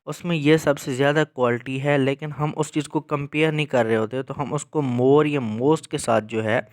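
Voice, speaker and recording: A man gives a patient grammar lesson in a dry, close-sounding recording. He keeps checking that the listener is following and slows down to spell out each example word by word. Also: medium pitch, steady tone, dry recording. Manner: patient, repeats 'theek hai' to check understanding. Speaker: English grammar teacher. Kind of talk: explanatory lesson.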